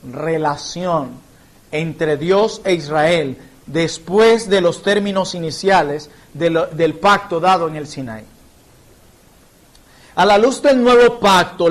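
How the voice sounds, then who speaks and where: A man's voice: sits high, fairly bright tone. A man from Colombia, a pastor, teaching a church Bible class in an earnest, explanatory way and illustrating points with personal stories.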